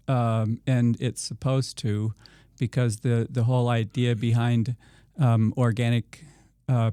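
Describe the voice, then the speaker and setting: Slow, halting man with a smooth, dark voice. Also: medium pitch, no echo, studio quality. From Iowa. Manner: slow and halting, many fillers and restarts. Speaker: organic farmer guest. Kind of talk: podcast interview.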